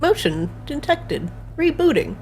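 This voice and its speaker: A woman's voice: high-pitched, very animated, measured pace, a little mellow, slight background noise, pitched above the performer's own voice, full character voice. Woman voicing a glitching clockwork robot. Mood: flat mechanical. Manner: clipped, repetitive machine announcements. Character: glitching clockwork machine, stuck in error loops. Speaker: game master. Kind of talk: narrating a tabletop game.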